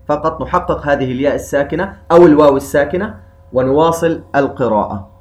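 A man's voice: a little high, darkish tone. Methodical man teaching recitation rules. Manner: methodical, explains step by step with rhetorical questions.

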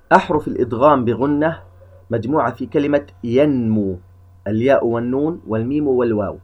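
A man teaching Quran recitation rules step by step, explaining each rule methodically before drawing out the examples slowly. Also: medium pitch. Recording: dull lo-fi recording.

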